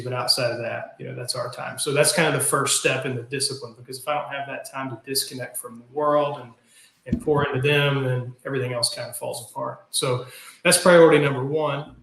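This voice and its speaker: A man's voice: mid-range voice, a bit bright. Appalachian man in an echoey room. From Kentucky, US. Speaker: podcast guest, business owner. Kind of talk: casual conversational interview.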